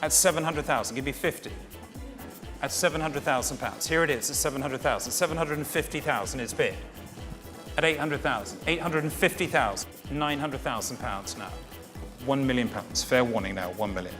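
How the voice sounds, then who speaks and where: A man's voice: mid-range voice, moderate pace. Courteous male fine art auctioneer, music behind. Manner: courteous, formal, repeating bids as he addresses the room. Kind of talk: live fine art auction bidding patter. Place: auction saleroom.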